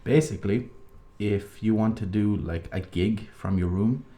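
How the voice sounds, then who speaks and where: A young man with a low, mellow voice laughs along with his co-hosts. He explains things in a loose, rambling way. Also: unhurried. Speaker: podcast co-host. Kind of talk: casual gaming podcast banter.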